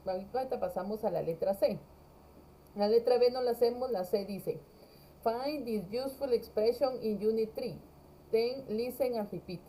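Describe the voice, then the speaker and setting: Mellow-voiced woman teaching English slowly. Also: medium pitch, a little hiss or hum, poor audio. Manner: explains step by step, mixing Spanish with slow, carefully spoken English. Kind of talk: recorded class lesson explaining a textbook.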